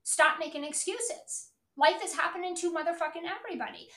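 Blunt, high-voiced woman coach in echoey room. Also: brisk, a bit bright. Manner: blunt, emphatic, repetitive, swearing. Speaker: business and sales coach. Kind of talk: motivational coaching talk to an online audience.

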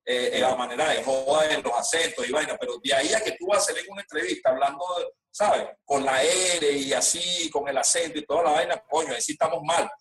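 A Venezuelan man, a guest rapper in a casual podcast chat, blunt and animated with heavy slang. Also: fairly high pitch, fast talker, rough recording.

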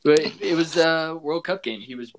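A man's voice: on the high side, moderate pace, crowd noise. Laid-back man in casual football chat.

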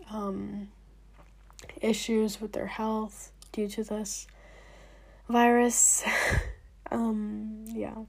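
A young woman in her late teens chatting casually to her viewers, a little hoarse after being ill, with many fillers and soft near-whispered trailing words. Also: medium pitch. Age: young adult. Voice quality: husky, slightly hoarse. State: recovering from illness, clearing throat. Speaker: vlogger. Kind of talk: casual talk to camera.

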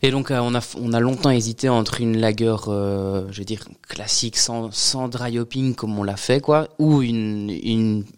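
A man's voice: mid-range voice, normal speed, hardly any pauses, clean tone. A man, a brewery guest on a podcast, explaining at length in casual talk, with many fillers and phrases ending in "quoi". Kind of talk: casual interview chat.

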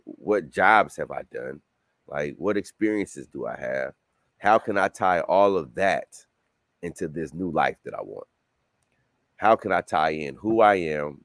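A man in his late thirties, a guest author talking casually in an interview, loose and repetitive, jumping into excited bursts. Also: sits low, no echo. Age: 30s. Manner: loose, repetitive, rising to excited bursts when quoting himself.

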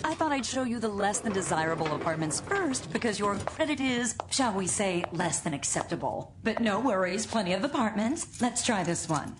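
A woman's voice: medium pitch, animated, moderate pace, hardly any pauses, background noise, lightly acted. An actress playing a breezy, condescending landlady in a comic radio sketch. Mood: breezy condescension. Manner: patronizing, breezy. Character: smug, condescending woman landlord showing shabby apartments.

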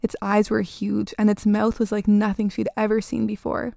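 Creaky-voiced woman reading a spooky story. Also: mid-range voice, flat delivery, normal speed, mellow, dry recording, studio quality. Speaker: storyteller, podcast host. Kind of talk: scripted spooky story narration.

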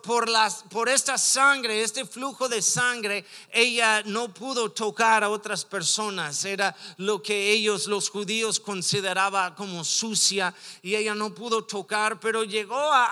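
A man's voice: high-pitched, pushed and bright, in a large hall. A man preaching a sermon as pastor, impassioned, acting out the voices of people from stories he tells.

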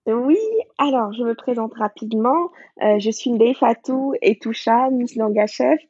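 A woman's voice: a little high, a little slow, mellow, breathy edge, dry recording, muffled recording. A woman in her thirties from Senegal, a podcast guest speaking hesitantly with many fillers and frequent laughs. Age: 30s. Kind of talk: casual interview chat.

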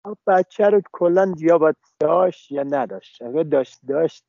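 A young man speaking over a phone line in an interview, talking haltingly with many restarts and fillers. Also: on the high side, lively intonation, creaky, mellow, no echo. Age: young adult. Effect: heard over a phone line.

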